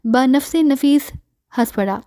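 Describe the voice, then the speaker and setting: A woman narrating a spy story audiobook, reading all the characters in one steady voice. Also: high-pitched, slow pace, dry recording, studio quality.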